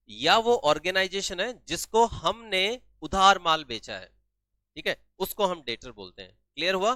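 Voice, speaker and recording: Bright, crisp male accounting teacher. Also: sits high, no echo. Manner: asks questions and answers them himself, repeats key terms. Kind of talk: classroom-style lesson.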